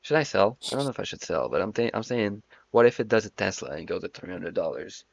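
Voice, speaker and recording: A man's voice: on the low side, lively intonation, fast, creaky, no room sound, muffled recording. A man in his twenties hosting a trading livestream, joking and swearing in casual banter. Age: 20s. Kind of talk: casual stream chat.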